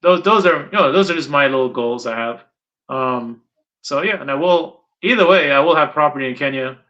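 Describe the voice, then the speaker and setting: A man's voice: a little high, a little fast, sharp tone. A middle-aged man from Guyana, chatting casually as an interviewer, rambling and repeating his points for emphasis. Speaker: interviewer and channel host. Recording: dull lo-fi sound.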